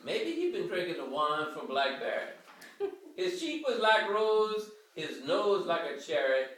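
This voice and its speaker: Recorded from across the room on a handheld camera a few metres off, an older man reads a children's verse story in Cajun dialect from his living room armchair. His high voice is sing-song, unhurried and fairly bright, with a theatrical bedtime feel and roomy sound.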